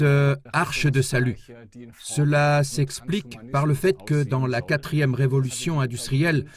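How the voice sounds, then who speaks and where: A man's voice: medium pitch, natural voice. A man voicing an interviewer, asking formal questions.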